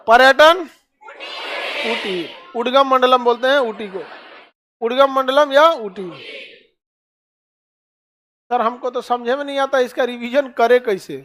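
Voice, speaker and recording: High, bright-voiced teacher drilling answers. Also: male voice, slight background noise. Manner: drills facts in quick call-and-response, repeats answers. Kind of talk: online map-geography class.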